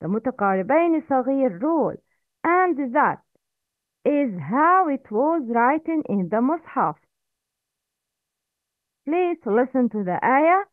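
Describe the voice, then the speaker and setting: A woman teaching Quran recitation rules in a slow, patient lesson, spelling out each sound step by step. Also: high-pitched, very animated, no room sound. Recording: tinny phone-like audio.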